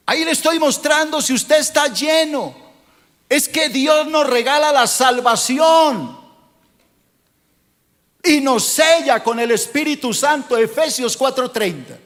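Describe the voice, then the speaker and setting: High-voiced pastor preaching in a reverberant hall. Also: male voice, a bit bright. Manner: scolding, rhetorical preaching with questions to the congregation. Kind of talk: sermon.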